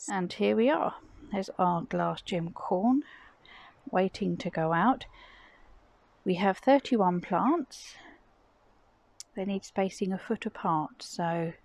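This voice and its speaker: A middle-aged woman casually narrating a gardening vlog, explaining things in a chatty, low-key way while filming on a phone. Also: animated, slow, gravelly, long pauses, darkish tone, dry recording. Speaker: gardening vlogger and parent. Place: garden outdoors and at home.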